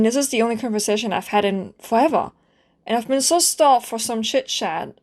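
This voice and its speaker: Woman acting a high-voiced, pleading kitten girl. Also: close to an everyday voice. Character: clingy, lovesick, self-abasing stray cat girl with yandere devotion. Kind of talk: scripted ASMR role-play addressed to the listener.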